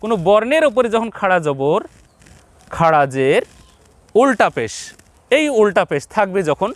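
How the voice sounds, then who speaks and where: Bangladeshi guy teaching quran reading, high voice, dry close sound, repeats stuff slow. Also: very animated, no echo. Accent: Bangladeshi Bengali. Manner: repeats each point slowly, addresses viewers directly. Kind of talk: step-by-step reading lesson.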